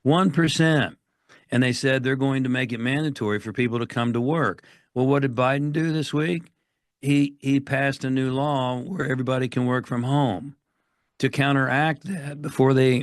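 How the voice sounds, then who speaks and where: A man's voice: medium pitch, dry recording, clean studio sound. An American man, a podcast guest, who talks emphatically and quotes scripture. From United States. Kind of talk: conversational podcast talk.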